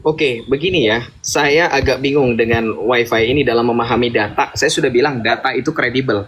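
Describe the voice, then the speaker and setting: A man's voice: mid-range voice, fairly quick, a bit bright, breathy edge. A man arguing heatedly in an online debate, mocking and combative, and reading English passages aloud.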